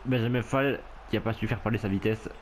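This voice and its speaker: A man's voice: on the low side, quick pace, a little hiss or hum. A man casually commentating his own rugby video game match, getting worked up and laughing at the play. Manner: excitable, shouts and laughs at the game. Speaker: gameplay commentator.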